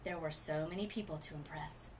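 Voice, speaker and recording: A literacy coach, a woman with a low-pitched voice, reads a children's storybook aloud using expressive emphasis and dramatic pauses. Slight background noise is present.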